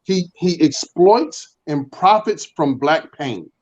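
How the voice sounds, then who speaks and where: A man speaking earnestly in a virtual panel discussion, pausing often with fillers and restarting his sentences. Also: on the high side, expressive, a little mellow, highs cut off. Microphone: video call.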